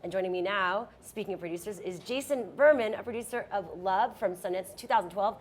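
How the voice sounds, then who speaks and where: A woman hosting a live festival show, moving briskly between guests with upbeat segues. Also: mid-range voice, a little hiss or hum. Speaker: host. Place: festival venue lounge.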